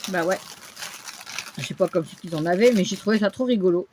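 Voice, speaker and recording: A woman's voice: lowish voice, brisk, a little mellow, slight background noise. A woman chatting casually through a shopping haul video at home, with lots of fillers and little interjections. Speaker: vlogger showing a shopping haul.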